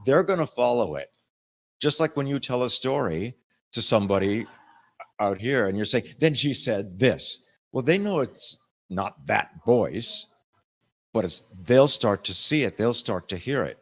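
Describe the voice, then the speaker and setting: A man, an audiobook narrator, talking on a convention panel in an animated, explaining way. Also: medium pitch, a little slow.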